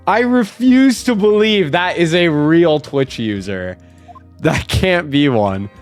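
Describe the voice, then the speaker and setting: A man's voice: fairly high pitch, expressive, takes it slowly, faint music behind. A young man streaming a game and commenting in a casual, joking, exasperated way, full of slang. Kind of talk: casual let's-play commentary.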